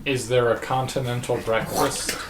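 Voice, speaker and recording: A man's voice: medium pitch, steady tone, moderate pace, far from the mic, background noise. A man playing a tabletop game, chatting casually and joking with the group. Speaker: player. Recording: echoey room with people around.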